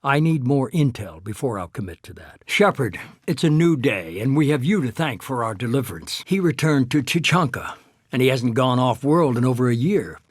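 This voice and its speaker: A shadowy game mastermind in middle age, with a husky voice that swings widely in pitch. He is cold and calculating, giving orders with deliberate authority. The sound is close and dry. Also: lively intonation, no echo. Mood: calm, persuasive. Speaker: head of a secret organisation. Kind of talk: dramatic video game voice acting.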